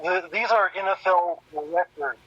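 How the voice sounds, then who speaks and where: A man's voice: sits high, unhurried, fairly bright tone, slightly rough. A man reading out sports stats on a podcast call while his audio runs into an echo feeding back from speakers. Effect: echo feeding back from speakers into the mic. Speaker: podcast co-host. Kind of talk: casual sports debate. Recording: muffled, distant remote call line.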